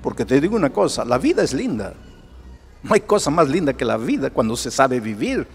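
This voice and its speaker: A man preaching a sermon as pastor, swinging between loud exclamations and hushed low asides. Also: big pitch swings, a little fast, gravelly, long reverb tail, soft background music.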